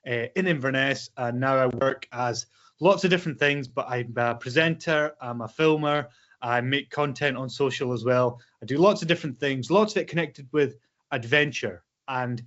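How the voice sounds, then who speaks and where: A Scottish presenter and filmmaker visits as a guest, chatting easily and explaining things simply to young schoolchildren, with ums and uhs along the way. His mid-range voice is a bit bright and moves at normal speed, heard through lo-fi video call audio.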